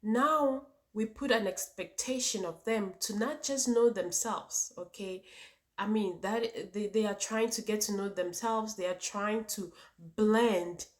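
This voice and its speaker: A woman's voice: mid-range voice, unhurried. A woman with a Ghanaian accent speaking emphatically to her viewers as a vlog host, repeating points and posing rhetorical questions. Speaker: vlogger and channel host. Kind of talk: opinionated personal talk to viewers.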